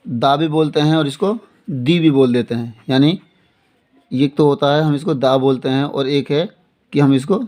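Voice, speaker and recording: A man teaching English grammar in Hindi, explaining slowly, repeating his points and often checking that students follow. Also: a little high, darkish tone. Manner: slow and repetitive, often asking "theek hai na". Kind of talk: classroom-style lesson explaining in Hindi with English examples.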